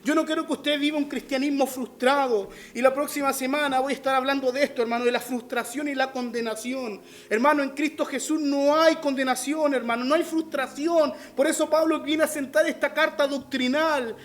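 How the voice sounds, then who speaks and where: A man's voice: very high voice, steady tone, brisk, hardly any pauses, a little hiss or hum. A man with a Chilean Spanish accent, a pastor preaching an online sermon and often calling his listeners brother.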